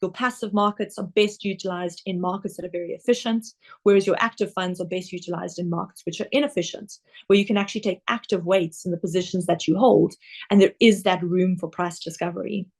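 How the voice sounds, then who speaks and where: This investment director, a South African woman, gives her slide webinar in a lowish, steady voice. Her explanations are measured, punctuated by an occasional um.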